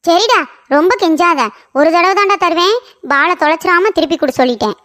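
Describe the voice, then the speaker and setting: A woman's voice: very high-pitched, brisk, fairly bright tone. A woman voicing a young boy in a cartoon story who whines and cries over his ball. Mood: bossy. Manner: whining, tearful.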